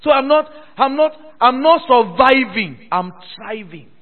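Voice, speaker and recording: A pastor preaches a sermon in a church hall, repeating phrases and calling for responses from the congregation. His voice is very high, animated and unhurried, and the recording sounds thin and phone-like with long hall reverb.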